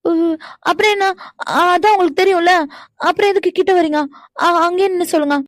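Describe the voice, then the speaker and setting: A woman voices a nervous young woman in a cartoon who trips over her words and keeps pleading. Her voice is very high and quick, and it sounds dry, close and studio-clean. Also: no echo. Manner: stammering, jittery, pleading. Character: flustered young woman Preethi, nervous and stammering. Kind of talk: animated cartoon dialogue.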